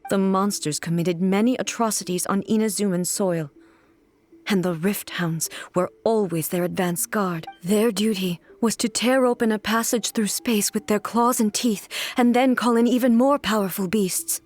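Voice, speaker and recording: An actress voicing a calm, stern divine ruler who speaks in a measured, formal, commanding way. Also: female voice, mid-range voice, faint music behind, natural voice. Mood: grave.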